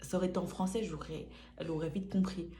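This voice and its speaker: A woman's voice: lowish voice, fast talker, a little hiss or hum. A young woman from France telling a personal story to camera in a casual, slangy way, acting out the dialogue. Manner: lively, slangy, acts out dialogue. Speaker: vlogger.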